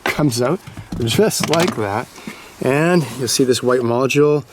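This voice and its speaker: A man's voice: medium pitch, slow pace. Chatty man reviewing his car outdoors. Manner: chatty and enthusiastic, talking to camera. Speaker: car channel host. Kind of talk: casual car review vlog. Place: in and around a car, outdoors and driving. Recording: distant camera mic with loud engine and road noise. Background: engine and road noise.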